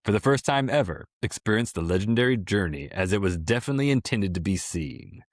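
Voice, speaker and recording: Deep, dry-voiced deadpan announcer for a mock ad, as a podcast host puts him on. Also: male voice, brisk, dry recording. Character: deadpan male newscaster reading a spoof ad. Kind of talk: mock commercial read.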